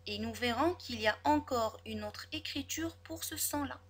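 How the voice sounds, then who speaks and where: A woman teaching a spelling lesson to children, sounding out each word slowly and clearly, syllable by syllable. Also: a little high, slight background noise. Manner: slow, over-articulated, syllable by syllable.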